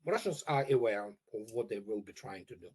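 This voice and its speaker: A man talking as a guest analyst in an interview, halting with fillers. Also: on the low side, animated, darkish tone. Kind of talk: casual interview talk.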